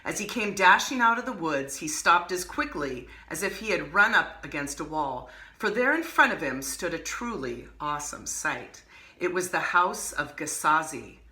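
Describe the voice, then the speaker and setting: A woman hosting an art lesson, reading a picture book aloud with expressive, animated storytelling and casual asides. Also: deep voice, moderate pace, reverberant. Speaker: art teacher and host.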